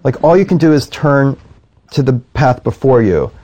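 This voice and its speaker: A man who serves as a rabbi talks in a reflective, conversational way. His voice is warm and mellow, and he sits in the middle range for pitch. He keeps an earnest tone and drops into quoted voices as he tells his stories. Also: sing-song, normal speed.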